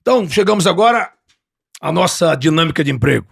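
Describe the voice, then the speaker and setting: This middle-aged podcast host has a fairly high, expressive voice that is creaky, slightly rough, and fast, with a Brazilian Portuguese accent. He plays a playful job game during an interview, asking questions in a teasing, theatrical way.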